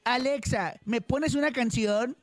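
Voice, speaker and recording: A woman's voice: fairly high pitch, measured pace, faint music behind. A woman co-hosting morning radio, teasing and playing dumb in a sing-song way. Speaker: radio co-host. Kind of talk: playful morning radio banter. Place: radio studio booth.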